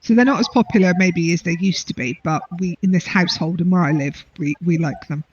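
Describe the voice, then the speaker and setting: A woman's voice: lowish voice, fairly quick, breathy edge, no room sound. An English woman co-hosting a casual chat, chatty and rambling as she reviews snacks. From England. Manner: chatty, rambling, self-deprecating. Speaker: co-host. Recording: dull lo-fi audio.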